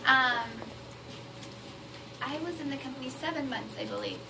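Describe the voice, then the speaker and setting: A woman's voice: sits high, normal speed, vocal fry. A woman from Colorado telling her story to an audience, chatty and laughing, acting out what she thought at the time. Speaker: speaker sharing her story on stage. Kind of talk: personal testimonial to an audience. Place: indoor meeting room with an audience. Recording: distant mic, noisy room.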